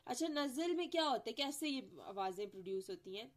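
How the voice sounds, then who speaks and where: A woman's voice: a little high, lively intonation, fairly quick. Woman teaching phonetics, checks in often. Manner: explains step by step, often checks with "clear?"; mixes in English terms, demonstrates sounds aloud. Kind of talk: phonetics lecture.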